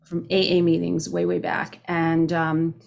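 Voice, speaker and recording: A woman's voice: on the low side, completely flat delivery, measured pace, creaky, darkish tone. Earnest woman in her fifties sharing. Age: 50s. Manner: earnest, conversational, with frequent restarts and fillers. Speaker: recovery meeting speaker. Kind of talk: personal share at a recovery meeting. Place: home, speaking on a video call. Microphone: video call microphone.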